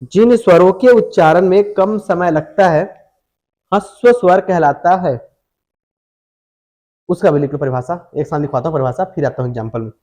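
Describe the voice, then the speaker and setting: A male teacher giving a classroom lecture, repeating each definition slowly for students to write down and asking the class questions. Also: a little high, darkish tone. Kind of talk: classroom lecture, dictating notes.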